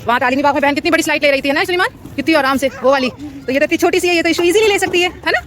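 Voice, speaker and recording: A woman's voice: high voice, rapid-fire, a bit bright. A woman from Pakistan with a Pakistani Urdu accent, vlogging as a mother in an outdoor park. She narrates casually to the camera while coaxing and scolding her children. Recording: noisy outdoor park recording.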